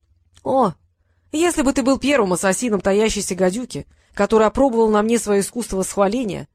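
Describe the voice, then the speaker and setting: A woman's voice: medium pitch, a little fast, a little mellow, no room sound, studio quality, natural voice. A woman reading an audiobook voices a smug, mocking male sphinx that toys with its prey. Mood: gloating. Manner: gloating, playful.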